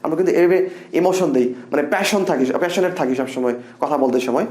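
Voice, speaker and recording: A young man teaching English grammar in a casual, animated way, repeating example sentences with feeling. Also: fairly high pitch, fast. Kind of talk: casual spoken lesson. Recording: echoey room.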